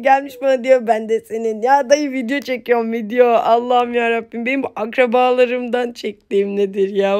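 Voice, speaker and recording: Chatty woman narrating her game. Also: a little high. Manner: playful, chatty, repeats words in quick chants. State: just woken up. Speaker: mobile game streamer. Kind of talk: casual gameplay commentary.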